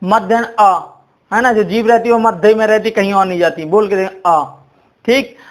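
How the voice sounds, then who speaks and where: Speaking a little fast in a high voice with fairly even intonation, an Indian man runs a grammar lesson. He repeats key points with "ठीक है" and quizzes his listeners, asking "कितने होते हैं?".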